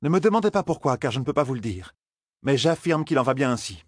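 Brief: cold, condescending older sorceress, a man voices her, raised pitch, husky tone, storybook reading. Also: sing-song, no room sound, clean studio sound. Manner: measured, condescending. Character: haughty cold female Aes Sedai, condescending.

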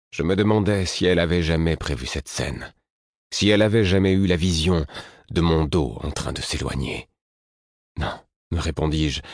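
A man reading a story aloud as an audiobook narrator, in a measured, somber way. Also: low-pitched, no echo, studio quality. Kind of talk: scripted narration.

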